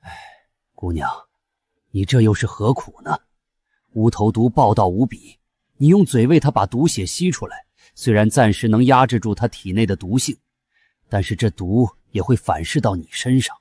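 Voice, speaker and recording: A man voicing a calm physician who speaks in a grave, measured way. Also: lowish voice, husky.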